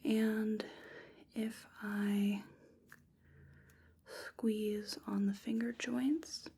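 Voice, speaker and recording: A woman in a whispered ASMR role-play as a clinician, speaking in a breathy, unvoiced whisper with a soft, soothing, clinical delivery. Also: mid-range voice, level tone, extremely slow. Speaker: clinician giving a physical exam.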